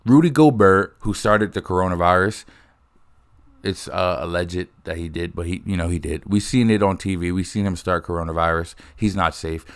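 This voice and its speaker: A man's voice: low-pitched, moderate pace, clear, resonant tone. A young man in a rambling, profane casual rant, talking close to the mic. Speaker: host.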